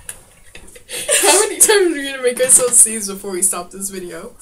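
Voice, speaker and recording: A young woman chatting casually and excitably with a giggly manner, as in a home video. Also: on the high side, moderate pace. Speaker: video challenge host. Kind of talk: casual, giggly chat during a sneezing challenge. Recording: noisy amateur home recording.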